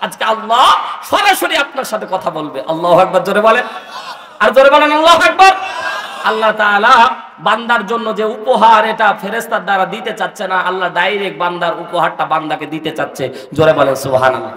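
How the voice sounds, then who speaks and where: A man preaching a sermon, urging the crowd to answer him loudly and shouting his refrains. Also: high voice, a little fast, reverberant, long reverb tail, recorded from a distance. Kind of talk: Bengali waz sermon. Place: outdoor religious gathering.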